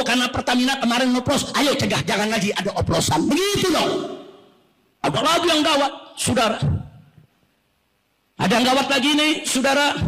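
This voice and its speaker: Man, very high voice, fiery preacher, rhetorical questions. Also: fairly bright tone, big-room sound, poor audio. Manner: rhetorical, calls out questions and mimics officials. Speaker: Islamic preacher. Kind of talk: fiery sermon to a crowd.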